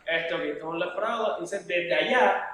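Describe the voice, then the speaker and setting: A man's voice: high voice, fairly quick, fairly bright tone. A man, a podcast guest in casual chat, telling a story loosely and laughing at it. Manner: loose storytelling, laughs at his own tale. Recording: roomy echo, far from mic, faint noise.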